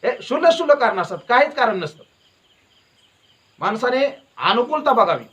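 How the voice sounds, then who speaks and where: High, bright-voiced man preaching emphatically. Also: very animated, brisk. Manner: emphatic and repetitive, with folksy storytelling. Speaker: devotional preacher. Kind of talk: devotional sermon.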